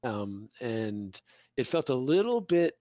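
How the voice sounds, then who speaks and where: A man's voice: medium pitch, big pitch swings, slow pace, dark tone, no room sound. A middle-aged man chatting casually on a podcast with his daughter, reflective and rambling, often repeating words. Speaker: podcast co-host. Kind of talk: casual chat. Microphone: video call.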